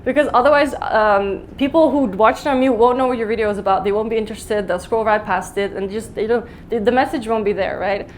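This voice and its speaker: A woman giving a live conference talk, speaking fast and chatty with lots of "like" and "um" fillers. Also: on the high side, a little hiss or hum. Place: conference hall in Mumbai.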